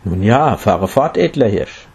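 A man's voice: lowish voice, very animated, a little slow, darkish tone, breathy edge, exaggerated voice. A man voicing a mighty human king in a read-aloud fable, speaking in stately, formal words. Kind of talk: storybook reading.

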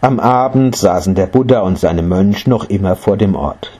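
A man narrating a story in a measured, quiet storytelling manner. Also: low-pitched, husky.

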